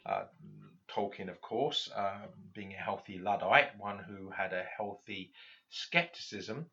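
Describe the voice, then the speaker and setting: A man giving a literature lecture, halting often with fillers and restarts. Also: lowish voice, pushed and bright, dull audio.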